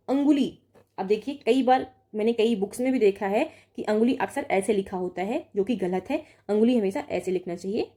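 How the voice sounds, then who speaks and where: A young woman's warm, medium-pitched voice guides an online Hindi exam-prep class. She reads word pairs, corrects them one by one, and checks in with learners often.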